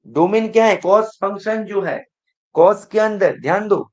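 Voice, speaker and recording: A man's voice: high-pitched, a little slow, a little mellow. A man teaching math in an exam-prep lecture, who keeps quizzing the students and repeating his prompts to pay attention.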